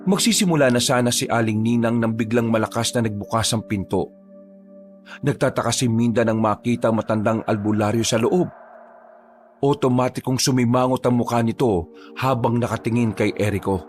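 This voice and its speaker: A male storyteller narrating a horror tale in a steady, measured way. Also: medium pitch, soft background music.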